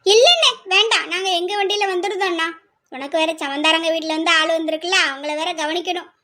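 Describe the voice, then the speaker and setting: A woman doing a calm, motherly aunt. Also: extremely high pitch, quick pace. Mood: reassuring. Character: middle-aged aunt Lakshmi, calm and motherly.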